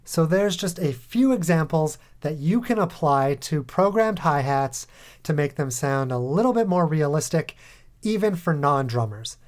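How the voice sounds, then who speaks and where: A man hosting a music production tutorial, calmly talking through each step in a voice-over. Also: fairly high pitch, measured pace, a little hiss or hum. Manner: calm, methodical step-by-step explaining. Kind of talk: tutorial voice-over over a screen recording.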